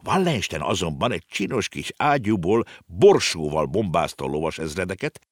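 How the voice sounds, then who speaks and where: A man reads a storybook aloud with animated expression. His voice is deep, with wide, lively swings in pitch. The recording is close and dry. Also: no room sound. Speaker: narrator. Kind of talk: storybook reading.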